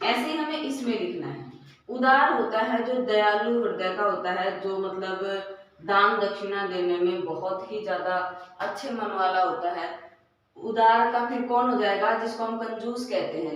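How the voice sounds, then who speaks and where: A woman teaching a Hindi grammar lesson, speaking slowly, repeating words and asking the class questions. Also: medium pitch, fairly bright tone, slight background noise. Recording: echoey room, voice from far off.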